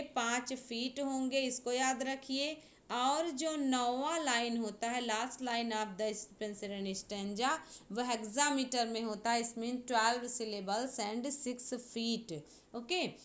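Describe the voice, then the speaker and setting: A woman teacher works through exam questions in an unhurried way. She goes step by step and keeps checking that her students follow. Her voice sits high. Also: fairly bright tone. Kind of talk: exam-prep literature lesson.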